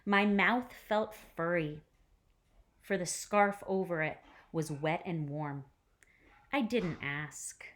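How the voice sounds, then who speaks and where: Her pitch is fairly low as she, a teacher, expressively reads a picture book to children. She pauses on purpose and hushes the ends of her phrases.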